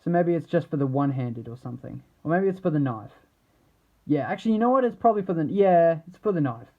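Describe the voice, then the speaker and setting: A man giving a casual, unscripted product showcase as an action figure reviewer, rambling haltingly and trailing off mid-thought. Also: a little high, animated, phone-quality sound.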